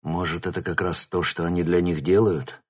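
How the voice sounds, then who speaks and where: A man's voice: deep voice, level tone, normal speed, husky. A man voicing a fierce young male hero who talks in curt, threatening lines in an audiobook. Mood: stern.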